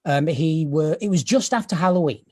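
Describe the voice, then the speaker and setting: Male comic, 30s, slightly high husky voice, lively dry delivery, recorded through a video call. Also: brisk. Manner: dry, self-deprecating storytelling with quiet asides. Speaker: stand-up comedian. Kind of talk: stand-up set over video call.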